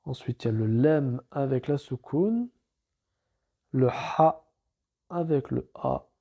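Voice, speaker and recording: A man teaches letter reading in a slow, patient, step-by-step lesson, spelling out every letter and vowel as an Arabic reading teacher. His medium-pitched voice is warm and husky with vocal fry, and his intonation stays lively.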